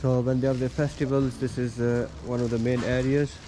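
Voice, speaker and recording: A man with a medium-pitched voice chats casually as he vlogs his motorbike travels. His running commentary is caught on an action camera outdoors, with clear noise around the voice. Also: level tone, a little fast. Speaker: travel vlogger on a motorbike tour.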